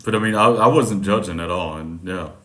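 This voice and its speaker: A man's voice: low voice, a little fast, pushed and bright, roomy sound. A man co-hosting a casual movie discussion podcast, easygoing and a little hesitant. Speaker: podcast co-host.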